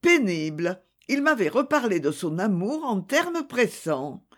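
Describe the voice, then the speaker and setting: A reader voicing Édith, a reserved young woman who answers questions in a hesitant, measured way. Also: medium pitch, sing-song, fairly bright tone. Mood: guarded.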